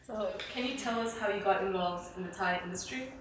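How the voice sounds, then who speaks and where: A young woman co-hosting a talk show, enthusiastic and lively, recorded in an echoey room away from the mic. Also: medium pitch, brisk. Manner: bright, enthusiastic. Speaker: co-host. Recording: echoey room, voice from far off, faint music.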